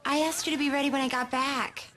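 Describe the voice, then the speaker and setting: A woman's voice: high-pitched, steady tone, a crowd in the background, natural voice. An actress playing an exasperated wife who fires scolding questions at her idle husband in a sitcom scene. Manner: scolding, rapid-fire questions. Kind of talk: sitcom acting.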